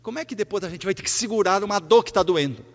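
A man's voice: high-pitched, fast. A man giving a Spiritist lecture, emphatic and repetitive, often acting out quoted voices. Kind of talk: public lecture. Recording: reverberant hall, dull lo-fi sound.

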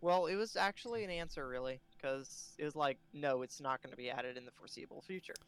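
A man's voice: fairly high pitch, fast, smooth. A man with a cold co-hosting a casual gaming podcast, giving short, laid-back replies. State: has a cold. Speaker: podcast co-host.

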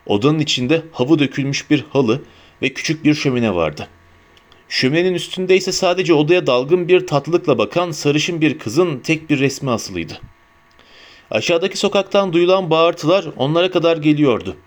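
Man reading an audiobook steadily. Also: fairly high pitch. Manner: measured, steady storytelling. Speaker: narrator. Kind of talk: audiobook narration.

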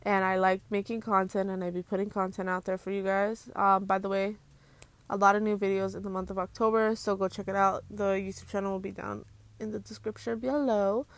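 A woman's voice: mid-range voice, level tone, brisk, dry recording. A young woman vlogging and venting, swearing freely and mimicking people with blah blah. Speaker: YouTuber. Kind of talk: casual storytime rant to camera.

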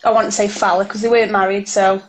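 A woman's voice: mid-range voice, level tone, quick pace. A young woman from Stoke-on-Trent with a local Stoke accent, talking informally as an interview guest about her own experiences. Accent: Stoke-on-Trent English. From Stoke-on-Trent, England. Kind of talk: personal conversation, recounting experiences.

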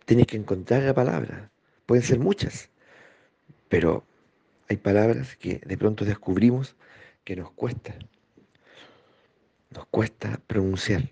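A man giving a slow, reflective spiritual talk, pausing often and checking in with his listeners. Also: lowish voice, creaky, dark tone, husky. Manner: slow, thoughtful, with pauses and rhetorical checks. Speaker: spiritual teacher. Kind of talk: reflective spoken teaching. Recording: dull lo-fi recording.

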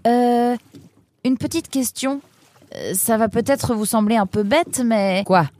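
A woman voicing an eager, excitable young male reporter in a children's audio story, speaking high and breathless. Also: takes it slowly. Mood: excited.

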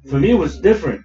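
A man who came to the country as a teen, swearing freely and pausing slowly in a casual chat. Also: high voice, warm tone, echoey room, dull audio. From immigrant, lives in Bensonhurst, Brooklyn. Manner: profane, drawn-out pauses. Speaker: podcast guest.

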